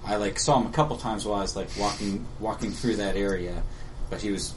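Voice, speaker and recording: A man's voice: lowish voice, fairly quick, distant mic, noisy background. A man co-hosting a podcast, chatting casually and trailing off as he recalls things. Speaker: podcast co-host. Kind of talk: casual chat.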